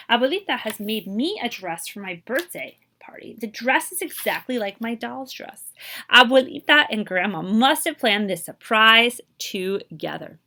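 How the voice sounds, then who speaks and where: A librarian with a bright, fairly high voice reads a children's picture book aloud, animated and emphatic for young listeners. She moves between English and Spanish, adding translations and little asides as she goes.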